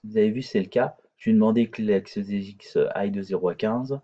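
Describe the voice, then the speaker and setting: A man's voice: fairly low pitch, brisk, lo-fi sound. A man teaching a hesitant, filler-filled screencast coding lesson, talking through code on screen. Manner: hesitant, many fillers and restarts.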